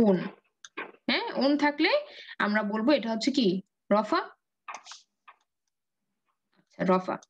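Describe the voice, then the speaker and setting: A woman's voice: high-pitched, dull audio. A woman teaching an online Arabic grammar class, patiently drilling word endings and asking her students questions.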